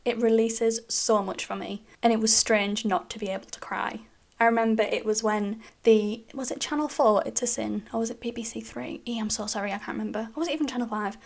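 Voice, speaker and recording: A young British woman hosts her own podcast, her voice sitting a little on the high side. She talks openly and chattily, often breaking into small laughs between thoughts. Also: fairly even intonation, brisk, creaky. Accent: British English. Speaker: podcast host. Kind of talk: personal podcast monologue.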